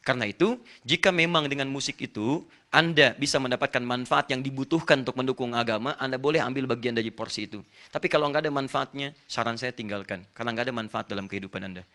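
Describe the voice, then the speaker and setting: A man's voice: medium pitch, fast, pushed and bright. A man preaching an Islamic lecture, explaining in an emphatic way and speaking straight to his audience. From Indonesia. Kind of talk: religious lecture.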